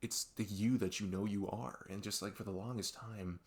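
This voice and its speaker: A young man plays a best friend who opens up during a late-night, intimate ASMR roleplay that sounds unscripted. His talk is earnest and musing, rambling and halting, full of "like" and "you know," with fairly even intonation and only light acting.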